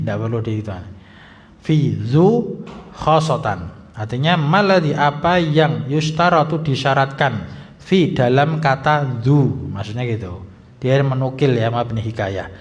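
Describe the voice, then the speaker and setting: A male Islamic teacher giving a grammar lesson in a mosque, reading text slowly, then explaining briskly and quizzing his students. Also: mid-range voice. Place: mosque hall. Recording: dull lo-fi sound in a reverberant hall.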